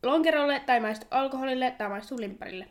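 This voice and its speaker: A young woman with a high, bright-sitting voice chats loudly on a podcast. She giggles often and swears freely. Her talk is loose and tipsy. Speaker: podcast co-host. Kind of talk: casual tipsy chat.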